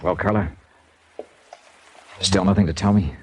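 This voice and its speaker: In a 1950s radio drama, an actor plays a blunt, hard-boiled insurance investigator, sternly pressing questions and narrating. His voice sits low with fairly even intonation and a measured pace, and there is background noise.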